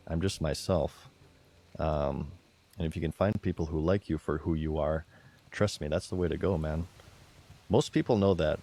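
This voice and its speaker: A man with a monotone, low-energy delivery, chatting casually as he streams a game. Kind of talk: casual chat while gaming.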